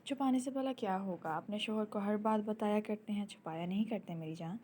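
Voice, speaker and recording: A woman reading an audio novel, voicing a gentle young husband who speaks tenderly and reassuringly. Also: mid-range voice, a little hiss or hum, close to an everyday voice. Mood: affectionate.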